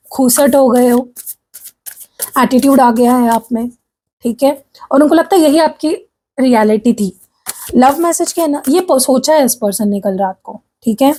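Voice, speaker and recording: Woman, tarot reader, high voice, mellow tone, chatty with viewers, sore throat. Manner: chatty, addresses viewers as "guys", frequent "theek hai?"; mixes English phrases into Hindi speech. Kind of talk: casual tarot reading to viewers.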